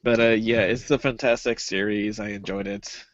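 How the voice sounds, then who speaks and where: A man's voice: fairly low pitch, fairly even intonation, normal speed, no room sound. A young man co-hosting a podcast in casual chat, rambling with lots of fillers and hesitations. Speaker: podcast co-host. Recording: dull lo-fi podcast audio.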